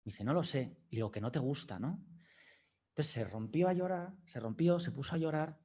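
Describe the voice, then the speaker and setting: Husky lecturer telling a story. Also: male voice, fairly high pitch, lively intonation, a little fast, dark tone. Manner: reflective, acts out dialogue with a student. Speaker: university lecturer giving a talk.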